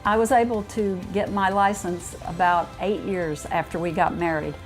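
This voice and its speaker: A woman's voice: fairly low pitch, steady tone, normal speed, faint music behind, low-quality recording. An older woman being interviewed, telling personal stories about her life. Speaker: retirement community resident being interviewed. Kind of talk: personal storytelling.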